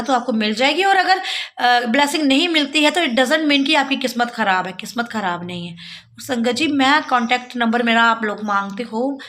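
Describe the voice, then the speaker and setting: A woman's voice: a little high, sharp tone. A middle-aged woman from Jammu with a sore throat, talking earnestly to her viewers in a casual devotional vlog, pleading and explaining. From Jammu, India. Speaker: devotional vlogger.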